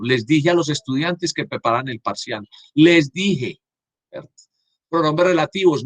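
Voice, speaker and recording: A man's voice: fairly high pitch, fairly bright tone, no echo. Colombian man teaching an online class. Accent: Colombian Spanish. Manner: explanatory, asks "¿cierto?" and "¿sí?" to check understanding. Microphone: video call.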